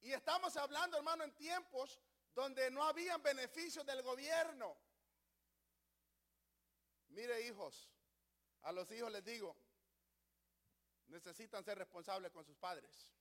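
An older man preaching a sermon, swinging from loud exclamations to quiet asides and acting out little voices. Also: very high voice, unhurried, pauses often. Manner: swings from shouting to hushed asides, acts out voices. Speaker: pastor.

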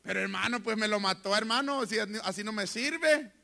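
A male pastor preaching a fervent sermon from a church pulpit, moving between hushed asides and shouted lines. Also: high voice, fairly quick, gravelly.

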